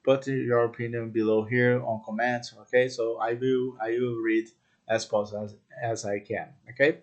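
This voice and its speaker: A man giving a casual movie review, speaking halting, simple English full of fillers and tagging his sentences with "okay?" and "right?". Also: medium pitch, level tone, highs cut off. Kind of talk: casual unscripted review talk.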